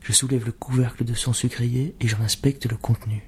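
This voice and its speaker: A man calmly reading a literary short story aloud in a measured voice. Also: medium pitch, husky.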